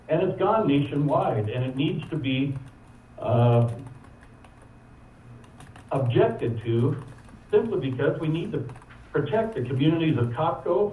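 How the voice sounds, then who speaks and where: A man calling in for public comment, reading an earnest, measured statement with occasional fillers. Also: on the high side, dark tone, distant mic, slight background noise. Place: phone call heard in a meeting room. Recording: tinny phone line played through an echoey room.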